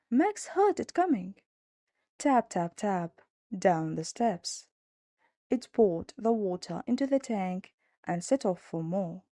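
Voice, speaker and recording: A woman narrating a children's storybook in an expressive, measured way on a close mic. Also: medium pitch, no room sound.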